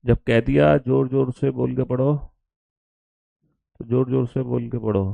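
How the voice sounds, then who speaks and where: Gravelly male online teacher coaxing students. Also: mid-range voice, flat delivery, warm tone, dry recording. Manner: repetitive, coaxing, calls students beta; chants letter mnemonics slowly aloud.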